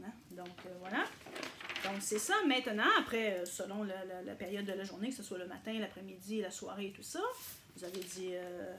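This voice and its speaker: Woman, chatty language teacher, mid pitch, faint hiss behind her. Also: sharp tone. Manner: chatty, checks in with frequent "ok?". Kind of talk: casual video lesson.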